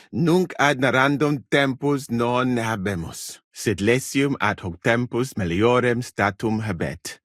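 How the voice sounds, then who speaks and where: A man voices a courteous, learned foreign physician in a medieval video game, delivering measured, formal phrases with calm thoughtfulness. His voice is medium in pitch, recorded at studio quality with no room sound.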